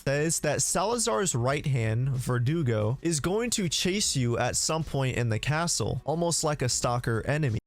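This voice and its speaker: A man reading out game leaks in a steady, matter-of-fact way. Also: mid-range voice, normal speed, hardly any pauses. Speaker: narrator of a game leaks video. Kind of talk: reading out news and commenting.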